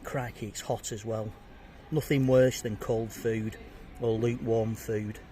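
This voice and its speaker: A man's voice: on the low side, little pitch movement, a little slow, mellow, slight background noise. A man reviews fish and chips to camera in a chatty, jokey way, chewing and talking between bites. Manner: chatty, jokey, talks while eating. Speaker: food vlogger. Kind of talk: casual food review to camera.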